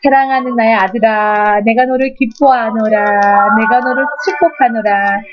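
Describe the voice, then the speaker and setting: A woman speaking the words of a gentle, comforting God in a slow, soft, solemn voice. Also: a little high, fairly even intonation, soft background music, voice pushed down, natural voice. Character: gentle comforting God, calm fatherly divine voice. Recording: dull lo-fi recording.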